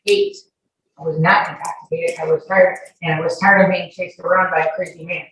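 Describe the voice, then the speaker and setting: A woman testifying as a courtroom witness answers questions emphatically and defensively. Her voice is fairly low and a bit bright, with fairly even intonation and a slightly fast pace. The courtroom audio is echoey and distant with faint noise.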